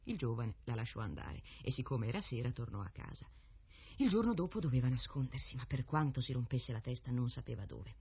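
A storyteller reading a fairy tale aloud with lively, expressive delivery. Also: medium pitch, husky, highs cut off.

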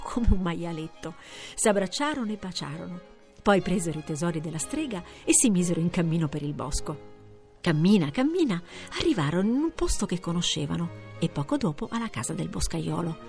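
A woman reading a fairy tale aloud in a measured storytelling manner, slowing down for effect. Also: on the low side, a little mellow. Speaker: storybook reader. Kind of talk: scripted fairy-tale narration.

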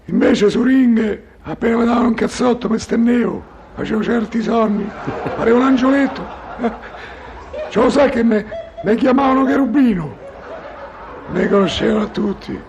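An actor playing a dim, sentimental retired male boxer in a comedy sketch, speaking haltingly in Roman Italian dialect. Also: very high-pitched, background noise. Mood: naive, sentimental. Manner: slow-witted, halting, repetitive, easily confused. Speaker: comic character. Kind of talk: comic sketch dialogue.

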